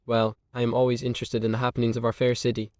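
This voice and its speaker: Brief: a man doing a courteous, inquisitive curio collector in a game, flat even delivery, dry close sound. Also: mid-range voice, rapid-fire, dry recording, close to an everyday voice. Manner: formal, courteous, keeps asking questions. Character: polite, nosy male collector of oddities. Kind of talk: game character dialogue.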